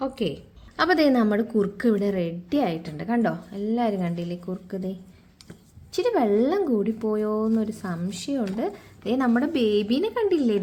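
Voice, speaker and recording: A woman's voice: medium pitch, mellow. Chatty woman vlogger, rhetorical questions. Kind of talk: casual pretend-play vlog.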